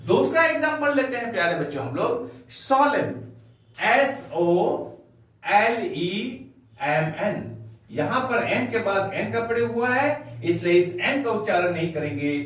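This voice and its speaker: In a high-pitched, sing-song, fairly bright voice, a man unhurriedly teaches spoken English to viewers he calls dear children, spelling words out letter by letter. The audio comes from far off the mic in a room with echo.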